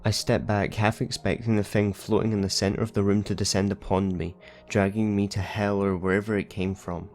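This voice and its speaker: Low-voiced man narrating horror. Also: level tone, brisk, hardly any pauses, a little mellow. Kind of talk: scripted horror story narration.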